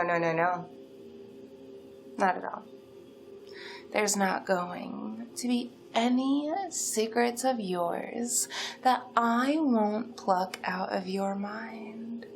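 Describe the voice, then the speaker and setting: A woman's voice: on the high side, a little hiss or hum. Woman playing an unhinged, menacing, possessive yandere kidnapper. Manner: unhinged sweet menace, gushing then threatening. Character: possessive yandere supernatural female kidnapper, gushing and controlling. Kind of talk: dramatic second-person role-play monologue.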